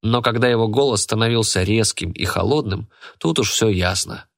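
Low-voiced male audiobook narrator. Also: normal speed, fairly bright tone. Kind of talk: scripted first-person narration.

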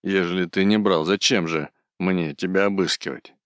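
Man doing a calm, pious old wanderer. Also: low voice, moderate pace, dry recording. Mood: reproachful. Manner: calm, plain-spoken, reproachful.

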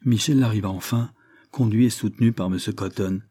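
Un homme lit un roman en narration posée, d'un ton égal. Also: male voice, lowish voice, a little fast, mellow, husky, dry recording, clean studio sound. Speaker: audiobook narrator. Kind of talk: scripted narration of a Victorian novel.

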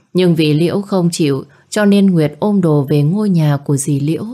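Woman, storybook narrator, low and warm, lifts her voice for characters. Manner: voices characters by raising pitch for shouted lines. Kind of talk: scripted narration.

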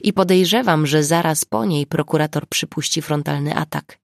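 A woman voicing a gruff, wry male police inspector in an audiobook, blunt and sardonic. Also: deep voice, moderate pace, no echo, studio quality.

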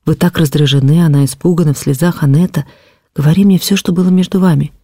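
Give me a frightened, pleading noblewoman, as a woman narrator voices her in a storybook reading, mellow and dry. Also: steady tone, fast, dry recording. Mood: anxious. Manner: pleading, anxious, pitch raised. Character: frightened, distraught gentle noblewoman. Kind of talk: audiobook reading of a classic novel.

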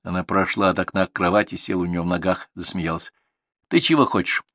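A male reader tells a contemporary story in a measured, even way. His voice sits low, and the sound is dry and close. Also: dry recording. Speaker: audiobook reader. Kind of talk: scripted narration of contemporary prose.

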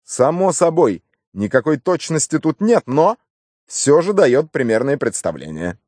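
A man's voice: on the high side, sing-song, darkish tone, dry recording, studio quality, pitched above the performer's own voice. A man doing a blustering police inspector. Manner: blustering, quick and emphatic. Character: brash gruff middle-aged male police inspector. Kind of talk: audiobook character voice.

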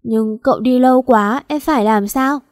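A woman's voice: on the high side, moderate pace, a little mellow, no room sound, clean studio sound, pitched above the performer's own voice, lightly acted. Woman putting on a weepy young servant girl. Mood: pleading. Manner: whiny, tearful pleading.

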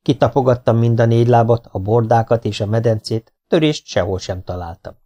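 A man reading a story aloud as an audiobook narrator, with a steady, even storytelling delivery. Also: mid-range voice. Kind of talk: scripted narration.

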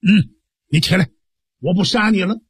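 A man voicing a stern older male hero who speaks in short, measured lines. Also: high voice, slightly rough, no echo, clean studio sound.

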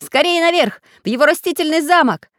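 A woman voicing a brisk, bossy little iron man inventor in a children's audiobook, in a commanding manner. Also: high-pitched, expressive, fairly bright tone, dry recording, studio quality, pitched above the performer's own voice.

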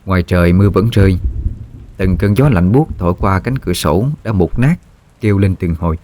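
A man narrating a horror story in a steady, measured way. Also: deep voice.

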